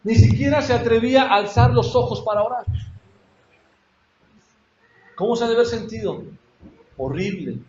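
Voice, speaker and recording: A man's voice: very high-pitched, brisk, a little mellow, slight background noise. A man preaching a sermon in a church, asking his congregation questions and acting out prayers with feeling. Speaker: pastor. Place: church hall. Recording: echoey church hall, dull lo-fi sound.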